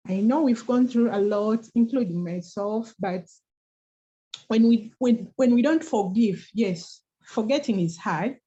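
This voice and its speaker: A woman's voice: fairly high pitch, dark tone, slightly rough. A woman co-host giving an earnest, encouraging talk about forgiveness and moving forward. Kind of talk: motivational talk. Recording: dull, lo-fi online call audio.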